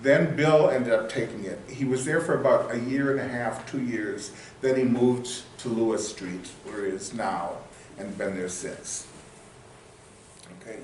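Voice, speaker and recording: A man with a medium-pitched voice gives a casual local history talk at a meeting hall, speaking a little slowly, rambling and searching for words with many fillers. He is recorded from far off in an echoey room, with slight background noise.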